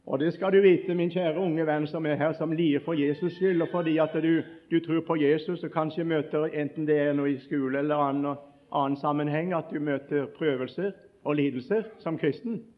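A man's voice: on the high side, steady tone. Earnest preacher man telling a story in a sermon, keeps restarting, kinda muffled old tape. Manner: earnest, storytelling preacher with many restarts, swelling to emphatic peaks. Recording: dull lo-fi recording.

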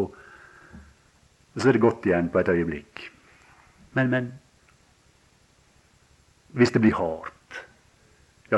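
A man preaching a sermon, halting and repeating words, then building to emphatic stretches. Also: fairly low pitch.

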